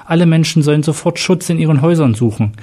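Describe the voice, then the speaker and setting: A man voicing a flustered young female police secretary in a read-aloud crime story, with an urgent, rushed delivery. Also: on the high side, warm tone, pitched above the performer's own voice, natural voice.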